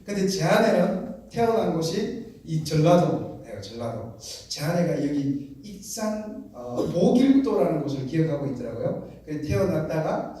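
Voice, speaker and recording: A man from the region preaching as a missionary pastor, telling a story in an animated way and acting out shouting family members. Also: on the high side, normal speed. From Gyeongsang region, Korea. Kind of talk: storytelling sermon. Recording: echoey hall, distant mic, faint noise.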